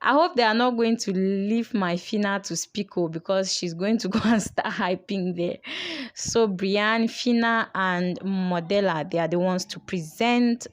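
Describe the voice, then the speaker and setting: A woman's voice: medium pitch, a little slow. A young woman chatting casually as she recaps a reality show, opinionated and thinking aloud with fillers. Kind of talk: casual chat.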